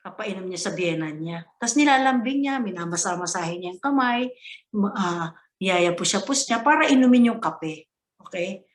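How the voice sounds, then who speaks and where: A woman's voice: medium pitch, animated, normal speed. A woman giving a conversational motivational talk, often asking her listeners to agree with her. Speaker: motivational speaker. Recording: echoey room.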